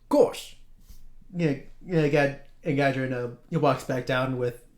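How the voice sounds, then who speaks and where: A man's voice: medium pitch, unhurried. A man playing in a tabletop game, describing his character's actions in a playful, laughing way. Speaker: player. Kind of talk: tabletop role-play chat.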